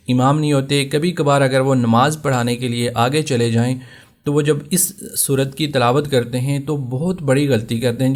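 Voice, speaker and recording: In a mid-range voice, this Pakistani Urdu-accented man teaches Tajweed, first pointing out frequent errors. He follows with slow, elongated recitation of verses.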